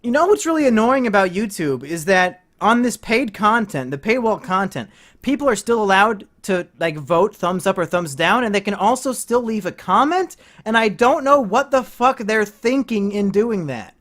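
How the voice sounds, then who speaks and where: A man's voice: high-pitched, lively intonation, moderate pace, a bit bright. Crude, ranting male podcast host. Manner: crude, mocking, rants with rising outbursts. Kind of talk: casual podcast banter. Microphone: podcast microphone.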